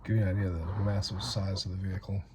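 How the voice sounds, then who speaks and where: A man's voice: low voice, level tone, fast, background noise. A man from North America giving a rambling, chatty hands-on toy review with self-aware asides.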